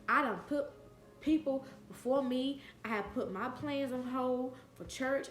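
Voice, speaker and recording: Recorded with a roomy sound, a fairly high-pitched woman in her late twenties opens up on her vlog about something personal. She speaks with earnest emphasis, repeating phrases to make sure her point lands.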